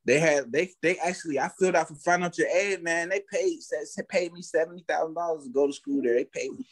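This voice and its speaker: Talking at a quick pace in a somewhat high voice, an American man relaxes into casual chat as a music artist being interviewed, full of street slang and repeated phrases.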